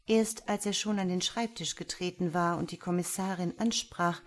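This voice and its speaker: Female audiobook narrator, steady crime-fiction reading, lower-pitched voice. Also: normal speed. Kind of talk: scripted crime-novel narration.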